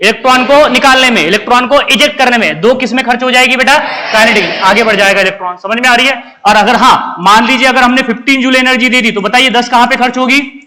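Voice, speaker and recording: A man delivers a chemistry lecture in a high, bright, forceful voice. He keeps asking his students questions and answering them himself. The sound trails off in the long reverb of a hall. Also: fast, few pauses, a little hiss or hum. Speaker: chemistry teacher. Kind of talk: classroom lecture.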